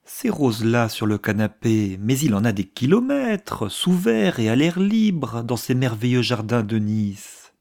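A man reading a novel aloud, voicing an effusive, gossiping older aristocratic woman with theatrical, hushed asides. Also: on the low side, expressive, a little slow, vocal fry, heavily acted.

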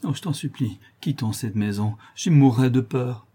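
A man's voice: mid-range voice, normal speed, mellow, husky, pitched above the performer's own voice, natural voice. A man voicing a frightened young daughter who begs to leave. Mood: fearful. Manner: pleading, frightened. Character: fearful trembling young woman, a daughter.

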